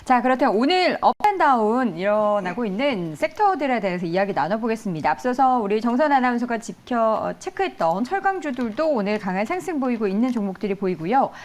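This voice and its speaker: A woman hosting a TV market talk show, guiding guests with quick questions. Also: a little high, big pitch swings. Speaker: TV show host. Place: TV studio.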